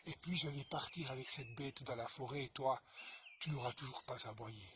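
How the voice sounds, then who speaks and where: A man voicing a hungry, sly male wolf in a told folk tale, speaking in a hushed, scheming way and howling softly. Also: mid-range voice, normal speed, background noise, close to an everyday voice.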